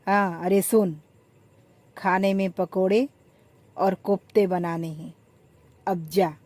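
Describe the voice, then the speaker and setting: A woman's voice: fairly low pitch, steady tone, slow, a little mellow, no echo, low-quality recording. A woman doing a bossy mother-in-law. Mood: scolding. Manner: scolding, bossy. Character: partial, doting mother-in-law, older woman.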